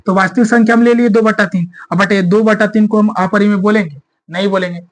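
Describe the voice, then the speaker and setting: A man's voice: high voice, steady tone, fairly quick. A male maths teacher explaining a lesson step by step, asking the class rhetorical questions and repeating key points. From India.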